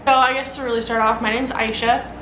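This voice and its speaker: A woman's voice: a little high, level tone, quick pace. A woman in her early twenties with an American accent, chatting casually and a bit ramblingly as she answers questions about herself in a vlog. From Omaha, Nebraska, United States. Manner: informal, rambling, frequent "like". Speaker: vlogger. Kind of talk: casual get-to-know-me Q&A vlog. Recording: roomy echo, clear background noise.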